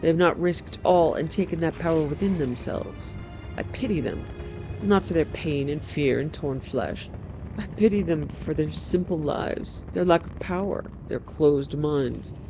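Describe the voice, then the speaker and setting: A cruel necromancer for a fantasy game. His voice sits fairly high, theatrical and deliberate, swollen with grandiose pride. Music plays behind him. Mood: scornful, proud. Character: gloating male necromancer, cruel, megalomaniac, proud of his monster. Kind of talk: dramatic villain monologue in a fantasy video game.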